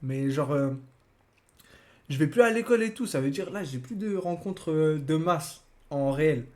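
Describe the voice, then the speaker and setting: A man's voice: on the high side, lively intonation, normal speed, darkish tone. A young man, chatting casually in slang and laughing while he reacts to a video on a live stream. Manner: slangy, laughing, repeats himself.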